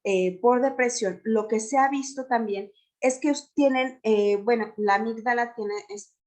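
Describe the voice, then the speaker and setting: A woman's voice: a little high, unhurried, a little mellow. A woman giving an explanatory lecture to teachers, often checking in with her listeners.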